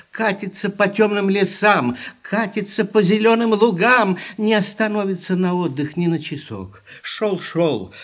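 A man narrating a fairy tale as an audiobook, telling it expressively and without hurry. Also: high voice. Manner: expressive, unhurried storytelling.

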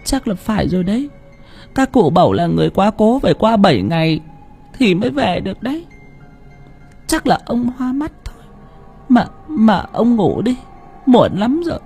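A man voicing an old wife and mother who talks softly and wearily. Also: high voice, very animated, normal speed, gravelly, pauses often, slightly rough, faint music behind, voice pushed up, exaggerated voice. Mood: weary soothing. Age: older. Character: old mother, anxious then weary wife.

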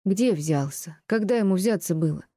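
A stubborn peasant man, blunt and resentful, snapping back in curt, gruff retorts, as a woman reader puts him on. The voice stays mellow and close to the mic in a dry recording. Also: lowish voice, animated, moderate pace, no room sound. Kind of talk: audiobook reading of classic prose.

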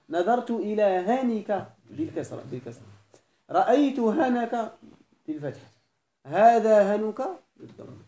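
A man's voice: a little high, warm tone. Moroccan man teaching grammar, echoey room. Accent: Moroccan Arabic. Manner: asks questions and answers them himself, repeats examples slowly. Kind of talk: classroom grammar lesson.

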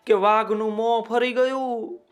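A man telling a children's story in a playful, expressive way. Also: very high voice, measured pace, clean tone.

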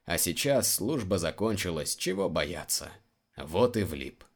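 A man's voice: low-pitched, animated, a little slow, heavily acted. A man reading the lines of a rueful, bluff male guard in his own voice.

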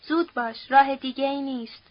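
A woman's voice: sits high, muffled recording, lightly acted. A woman reading an audiobook, voicing a large, domineering aristocratic man who gives curt, impatient orders. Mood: urgent, commanding.

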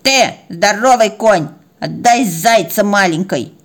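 A woman's voice: medium pitch, expressive. A woman playing a bossy lecturing cat. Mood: scolding. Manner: slow, lecturing, scolding. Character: bossy adult female cat, self-important teacher.

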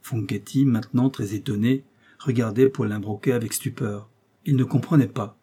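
A male audiobook narrator with a husky, dark voice, reading an adventure novel with measured, dramatic storytelling. His delivery is steady and scripted. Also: mid-range voice.

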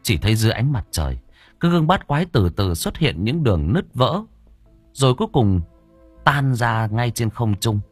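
A man narrating a horror story in a dramatic, expressive way. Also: mid-range voice, moderate pace, dry recording, soft background music. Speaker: audiobook narrator.

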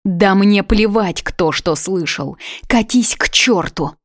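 A woman voicing a distraught young mother who shouts back in rage and tears, in an audiobook reading. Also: deep voice, unhurried, dry recording, clean studio sound. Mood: furious tearful.

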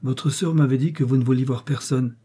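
Shy young wife voiced by a male reader, soft and pleading, dark husky tone, audiobook. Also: mid-range voice, fairly even intonation, brisk, natural voice. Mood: timid. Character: timid gentle young wife, woman. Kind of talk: audiobook character reading.

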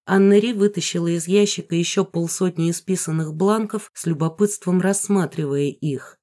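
An audiobook reader narrating a first-person story in an even storytelling manner. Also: mid-range voice, normal speed. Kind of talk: scripted narration.

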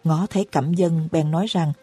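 A woman narrating a novel as an audiobook, reading slowly and evenly. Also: sits low, fairly even intonation, breathy edge, no echo. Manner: reads slowly and evenly, raising her voice for characters' cries. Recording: dry close recording with soft music behind.

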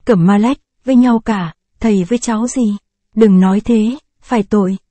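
A woman's voice: mid-range voice, normal speed, mellow, no room sound, close to an everyday voice. A woman reading the lines of a swaggering, lecherous male soldier in a storybook tale, brash and flirting.

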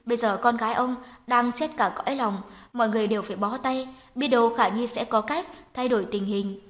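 A woman narrating a novel as an audiobook reader, in a calm, even reading voice. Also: a little high, brisk.

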